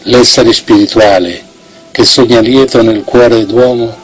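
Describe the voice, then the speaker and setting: A man reciting poetry in a theatrical declamation, with solemn, swelling, expressive phrasing. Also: mid-range voice, measured pace, low-quality recording. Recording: music bed behind the voice.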